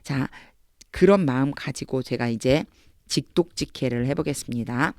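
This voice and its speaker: A woman tutor giving a Bible-based English reading lesson. She explains patiently, reads English phrases slowly with stress, and acts out quoted lines with lively emphasis. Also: very deep voice, dry recording, clean studio sound.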